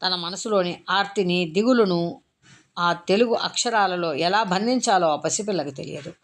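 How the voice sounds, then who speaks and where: A woman narrating a short story in a measured, literary reading. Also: on the low side.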